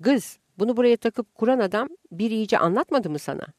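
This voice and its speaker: A woman doing a gruff scolding village husband. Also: fairly high pitch, lively intonation, fairly quick, a little mellow, dry recording, studio quality, pitched above the performer's own voice. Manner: rough, insulting, rural speech.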